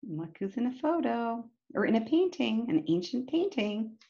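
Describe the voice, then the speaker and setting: This middle-aged woman reads a picture book to young kids indoors, in a room at home with bookshelves, pausing for questions and little asides to them. Her fairly high voice has a sing-song lilt, vocal fry and a dark tone at a normal speed. The highs are cut off in the audio.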